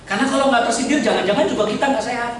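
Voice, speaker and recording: High-voiced Indonesian pastor in an echoey hall. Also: male voice, racing, slight background noise. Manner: jokey, animated, calls out to the congregation. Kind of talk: lively sermon to a congregation. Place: church hall. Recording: echoey church hall, mic at a distance.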